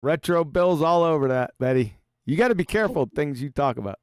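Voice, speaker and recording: Guy running a live panel, clear highish voice, blunt and casual. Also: lively intonation, fast, dry recording. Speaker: panel show host.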